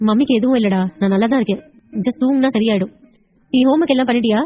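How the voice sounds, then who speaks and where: A woman voicing a weary young mother in an audio story, soft and subdued. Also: on the high side, very fast, dull audio, natural voice.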